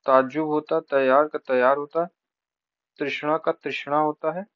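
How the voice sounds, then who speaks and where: Rattling through word lists in an exam-prep spelling lesson, a man repeats each word rapidly by rote and adds short tips. His voice is fairly high with little pitch movement. The lo-fi recording has no room sound.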